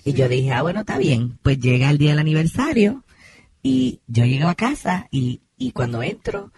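A man's voice: on the high side, lively intonation, moderate pace, a little mellow. A man voicing a flamboyant, gossipy female radio advice host with a theatrical, sing-song delivery that slips into English phrases. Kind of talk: comedic radio sketch.

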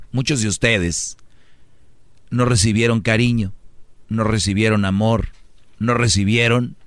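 A man's voice: fairly low pitch, dry recording. A man hosting a talk show, giving opinionated commentary full of rhetorical questions and acted-out quotes.

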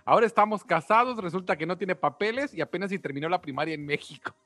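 A man's voice: high voice, quick pace, bright, forceful tone, no echo. A man co-hosting a radio show in slangy casual chat. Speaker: radio co-host.

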